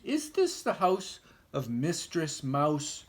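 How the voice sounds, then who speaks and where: A man's voice: fairly high pitch, wildly swooping pitch, slow pace, heavily acted. An older man with a grandpa voice voicing a timid, lonely, polite little male mouse in a storybook. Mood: hopeful.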